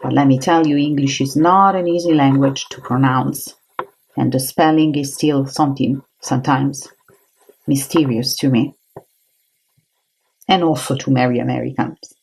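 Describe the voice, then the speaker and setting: A woman's voice: very deep voice, steady tone, moderate pace, vocal fry, a little mellow, slight background noise, poor audio. A woman from Italy with an Italian accent, an art teacher chatting encouragingly while she draws with oil pastels. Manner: chatty, encouraging, thinks aloud while drawing. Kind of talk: casual art tutorial.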